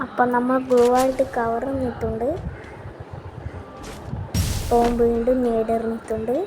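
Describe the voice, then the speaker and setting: A woman's voice: fairly high pitch, level tone, moderate pace, over music. A woman with a Malayali accent giving casual gameplay commentary as a video host, mixing English gaming words into Malayalam. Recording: noisy game audio with gunfire. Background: video game gunfire and ambience.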